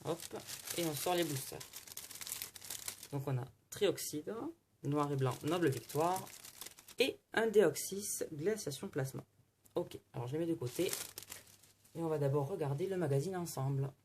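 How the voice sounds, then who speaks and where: A card-opening vlogger, male, narrates casually while opening packs and flipping through magazine pages, keeping up a chatty running commentary for this unboxing. His voice is fairly high with a darkish tone, and there's slight background noise.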